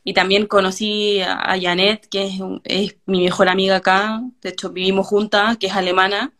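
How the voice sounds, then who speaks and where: A young Chilean woman chatting in an interview, telling stories in an animated way and acting out quotes. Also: medium pitch, moderate pace. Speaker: guest, hairdresser. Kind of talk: casual interview chat.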